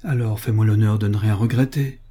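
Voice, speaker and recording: A man voicing an eager young French soldier, speaking earnest and pleading, with a dark, husky voice. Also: fairly low pitch, fairly even intonation, a little fast, close to an everyday voice.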